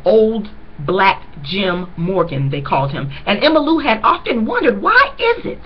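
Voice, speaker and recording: Her voice runs on the high side, and the recording has its highs cut off as she reads a novel aloud chapter by chapter. Every so often she pauses, earnest, to point listeners toward the lines that matter.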